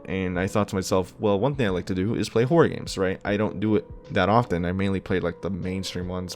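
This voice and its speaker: A man with a fairly low voice speaks as a gaming creator addressing his audience. His delivery is casual and reflective, with a sincere, conversational feel. Soft music plays behind him. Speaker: gaming YouTuber. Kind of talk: casual reflective thank-you talk to viewers. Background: background music.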